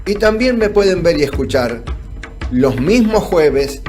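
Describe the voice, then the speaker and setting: A man's voice: high voice, sing-song, unhurried, a little mellow, faint music behind. A man presenting his own radio program in a promotional announcement.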